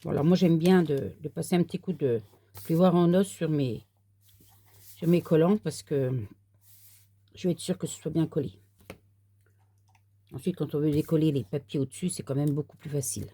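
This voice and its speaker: A woman talking viewers through a paper craft kit in a relaxed, unhurried way, handling the pieces as she speaks. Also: low-pitched, husky. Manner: soft, unhurried, talks while working with paper. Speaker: crafter demonstrating a card kit. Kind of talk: casual crafting tutorial.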